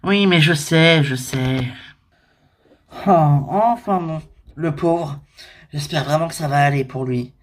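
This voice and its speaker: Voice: takes it slowly, pauses often. A performer, voicing every character of an amateur toy-figure drama in casual everyday speech. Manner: shifts pitch between characters, casual everyday French with fillers.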